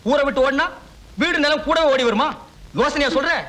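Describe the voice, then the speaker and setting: A man playing a cowardly, greedy fake holy man in a film comedy, talking in a shrill, whining way. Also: normal speed, sharp tone. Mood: scheming. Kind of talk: Tamil film comedy acting. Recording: film soundtrack with faint music.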